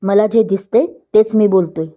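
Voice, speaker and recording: A woman's voice: mid-range voice, normal speed, warm tone, close to an everyday voice. Jealous angry husband, read by a woman. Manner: angry, accusing, raised voice. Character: young husband, jealous and hot-tempered.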